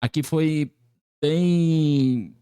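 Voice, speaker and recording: A man's voice: on the high side, very slow, dark tone, clear, resonant tone, no room sound. A man with a Brazilian accent comments casually as a reaction host. He sounds impressed and tends to repeat his words, recorded very dry.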